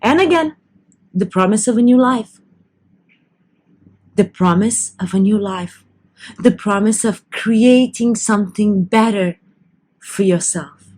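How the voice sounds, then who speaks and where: A woman's voice: mid-range voice, takes it slowly, pauses often, darkish tone. A woman doing a casual tarot reading to camera, talking loosely with restarts and self-corrections. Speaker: tarot reader.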